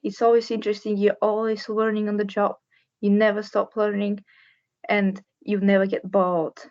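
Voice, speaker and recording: A woman's voice: mid-range voice, little pitch movement, moderate pace, darkish tone, muffled recording. A young woman from Bulgaria, a structural engineer, giving an earnest career talk to students, plain and searching for words at times.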